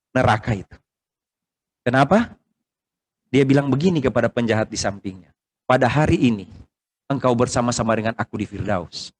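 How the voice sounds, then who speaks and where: A middle-aged man, preaching a conversational sermon and asking the congregation questions, loud emphatic bursts giving way to quiet asides. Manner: swings between loud rising emphasis and quiet low asides. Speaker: pastor. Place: church service hall, streamed online.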